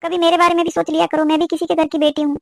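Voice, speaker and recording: A woman's voice: very high-pitched, little pitch movement, rapid-fire, creaky, dry recording, studio quality. A woman voicing a young newlywed daughter-in-law who answers politely but firmly in a cartoon. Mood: pleading. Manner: pleading, polite but firm. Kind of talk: cartoon voice acting.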